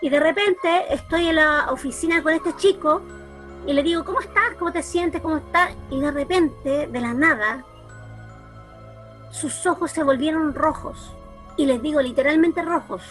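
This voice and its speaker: A Chilean woman with a high voice tells a story to a group on a video call. She talks in an animated way, doubling back and repeating herself, while faint music plays behind her. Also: a little slow. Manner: animated, lots of restarts and repeats. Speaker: church youth leader.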